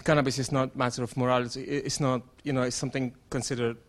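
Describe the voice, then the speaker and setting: A man from Morocco speaks up from the audience at an even middle pitch. He sounds hesitant, leaning on fillers as he explains his work before asking his question. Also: fast talker. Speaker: audience member and campaigner.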